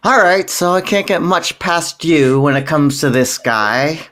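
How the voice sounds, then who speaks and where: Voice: medium pitch, lively intonation, unhurried, fairly bright tone. A podcast co-host retelling myths in casual chat, playful and jokey with wry asides.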